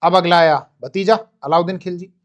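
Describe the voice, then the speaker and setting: This is a history lesson given by a man in classroom fashion, full of running explanation, tangents, and fast self-corrections. His pitch is high and his intonation stays fairly even.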